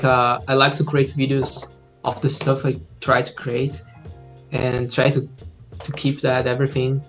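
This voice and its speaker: Speaking from an indoor home room over a laptop video call, with faint music in the background, a Brazilian-born man in his thirties chats casually as an indie game developer guest. He sounds easygoing, hesitant and full of fillers, his mid-range voice a little bright.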